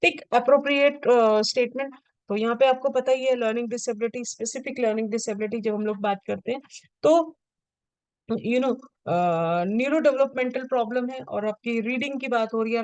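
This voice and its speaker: A woman's voice: on the high side, darkish tone, no echo. A woman teaches in a patient, step-by-step way, stopping often to check that her listeners follow. Her delivery is plain classroom explanation. The recording is dry and close, with no room sound. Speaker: special education teacher. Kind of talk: explaining an assessment form to students.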